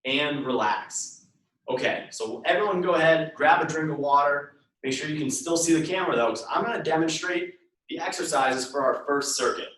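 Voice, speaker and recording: At a normal speed, a man leads a live workout, his fairly bright, higher voice delivering short, repeated step-by-step instructions and rep countdowns. He sits well back from the mic in a reverberant room.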